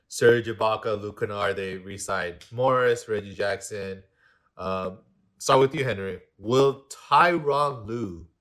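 A young man hosting a casual sports podcast, laid-back and quick to laugh. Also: fairly low pitch, fairly bright tone. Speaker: podcast host.

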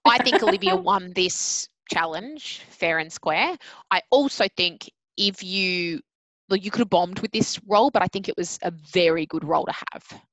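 A woman's voice: on the low side, normal speed, fairly bright tone, no echo, rough recording. Blunt, opinionated woman in casual chat. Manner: opinionated and blunt, with wry asides. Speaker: podcast co-host. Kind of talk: casual chat reviewing a TV competition.

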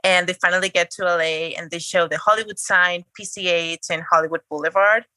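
A young woman from Spain speaks, her voice bright and rather low in pitch. She tells her story chattily and eagerly, recorded dry with almost no room sound. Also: fairly even intonation, a little fast, no room sound. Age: late 20s. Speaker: guest, blogger. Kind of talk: casual interview talk.

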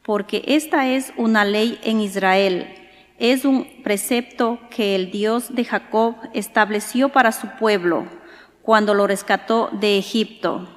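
Slow, formal woman reading in an echoing church. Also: mid-range voice. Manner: formal, measured recitation. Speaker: lector at Mass. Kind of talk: liturgical scripture and psalm reading. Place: large reverberant church. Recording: echoing church acoustics with long reverb.

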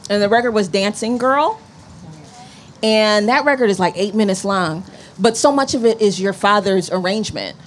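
A woman's voice: medium pitch, animated, moderate pace, a little hiss or hum. A woman hosting a podcast, narrating and then talking emotionally on stage, close to tears. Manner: emotional, near tears, warm and enthusiastic. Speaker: podcast host. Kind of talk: narration then live onstage conversation. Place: front porch event with audience.

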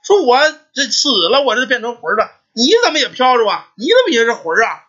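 A man voicing a frail, anxious old blind mother in a told folk tale, with a husky, fretful, pleading tone. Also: lively intonation, quick pace, pushed and bright, heavily acted. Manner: raised pitch, fretful pleading tone. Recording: dull lo-fi recording.

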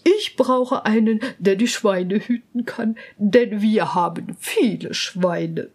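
A woman voicing a pompous older emperor, slow and ponderous. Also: mid-range voice, darkish tone, slightly rough. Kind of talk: storybook reading.

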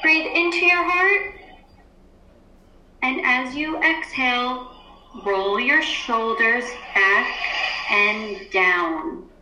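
A woman teacher leads a calm guided grounding and breathing exercise, giving soothing, unhurried instructions with long pauses. Her voice is on the high side, and the indoor sound is roomy and echoey.

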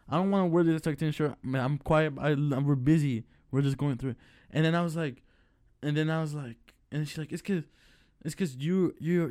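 A man's voice: medium pitch, warm tone, smooth. Laughing young man telling a work story. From Chicago. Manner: rambling, laughing, acts out quoted arguments. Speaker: guest. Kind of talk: casual storytelling chat.

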